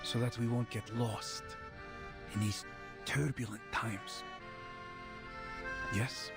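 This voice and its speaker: Game role: persuasive man advising a friend, earnest, measured, middle register over clear music. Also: medium pitch, fairly even intonation. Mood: reassuring.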